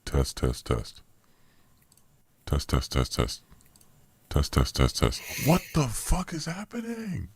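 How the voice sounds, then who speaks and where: A man hosting a casual podcast chat, his voice run through a voice changer that shifts it very deep. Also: slow pace, gravelly, pauses often, husky. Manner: relaxed, slangy, swears when flustered. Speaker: podcast host.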